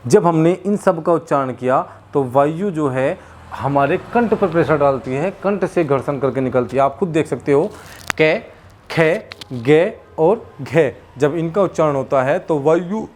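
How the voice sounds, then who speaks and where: A young man teaching a class, explaining slowly, stretching out sounds and adding light jokes. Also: fairly high pitch, darkish tone, slight background noise. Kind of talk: classroom lesson.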